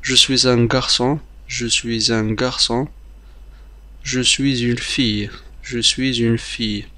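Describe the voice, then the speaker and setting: Explaining a beginner language lesson at a brisk clip, a man hesitates now and then and drills example phrases by repeating them slowly. His medium-pitched voice sounds bright and forceful, with a flat delivery and no echo.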